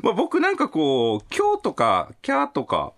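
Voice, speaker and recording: A man co-hosting a talk show, easygoing and measured, reading topics and reacting dryly. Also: fairly high pitch, huge pitch swings, fairly bright tone. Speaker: radio co-host presenting topics.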